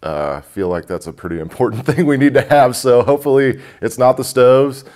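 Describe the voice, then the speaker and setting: A man's voice: medium pitch, a little fast, darkish tone. A man in his thirties speaking as a chef in an interview, casual and a little hesitant. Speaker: chef de cuisine, contestant. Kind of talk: on-camera interview. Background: guitar music.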